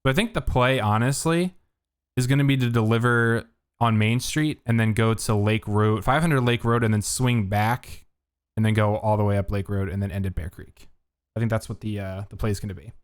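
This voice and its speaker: A man streams a game, thinking aloud in a relaxed, casual way. His voice sits low. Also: brisk, clear, resonant tone. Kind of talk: casual gameplay commentary.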